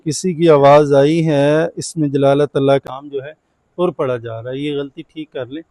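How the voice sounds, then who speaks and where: A man's voice: a little high, fairly even intonation, mellow, no room sound. Man, Quran teacher, online tajweed class, firm corrections, dry close sound. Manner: firm and corrective, drawing out recited words slowly.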